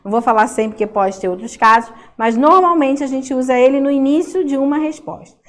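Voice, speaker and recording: A young woman teacher gives a recorded Portuguese class to children, explaining things in a sing-song way and often checking in with "ok?". Her voice is high and fairly quick.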